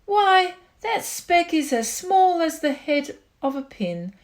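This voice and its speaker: A woman's voice: very high voice, sing-song, slow, voice pushed up, full character voice. A woman voicing a sour, scornful kangaroo mother in a haughty, scoffing storybook read.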